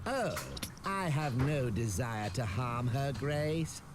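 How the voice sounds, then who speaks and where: A man's voice: mid-range voice, expressive, slow pace. A man playing a smug, scheming merchant magnate in a video game, with a pompous, oily grand-vizier delivery and archaic, formal phrasing. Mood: smug, self-assured. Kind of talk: scripted game dialogue, archaic formal diction. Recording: music behind the voice.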